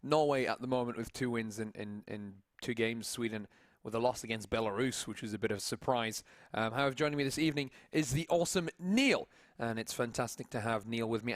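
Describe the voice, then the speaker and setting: A man's voice: medium pitch, no echo. Upbeat male esports host, dry close sound. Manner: upbeat and talkative, with frequent restarts. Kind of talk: live esports broadcast commentary.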